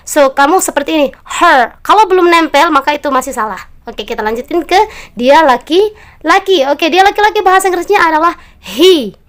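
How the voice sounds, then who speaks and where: Female English teacher, Indonesian accent, high voice, encouraging, models each word slowly. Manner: slow, drawn-out model pronunciations; friendly and encouraging, addresses learners directly. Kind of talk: online English lesson for beginners.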